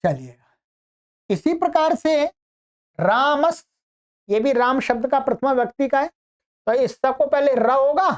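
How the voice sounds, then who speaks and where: A woman teaching Sanskrit grammar online, explaining patiently step by step and drawing out example words slowly. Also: high-pitched. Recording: dull lo-fi recording.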